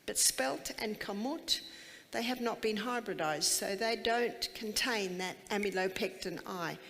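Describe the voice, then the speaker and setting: A woman's voice: medium pitch, unhurried, fairly bright tone, long reverb tail. A woman giving a health seminar to a live audience, emphatic and full of rhetorical questions.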